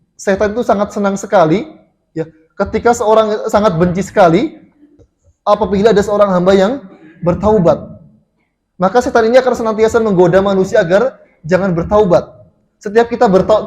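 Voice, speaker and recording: A man's voice: high voice, a little mellow. An Indonesian man giving a mosque sermon, telling stories with frequent restarts and fillers to the congregation. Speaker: preacher.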